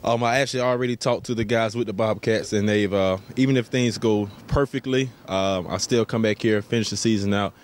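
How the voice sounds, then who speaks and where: Clear ambient noise sits behind an American man, a professional basketball player, as he casually fields interview questions with thoughtful, hesitant wording. His pitch is fairly low and his intonation fairly even, and he talks a little fast with hardly any pauses.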